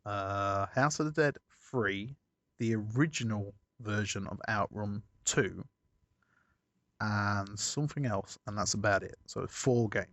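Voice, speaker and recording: A man's voice: fairly low pitch, a little slow, a bit bright, no room sound, studio quality. A man chatting casually as a podcast co-host, rambling through a story and correcting himself as he goes. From United Kingdom.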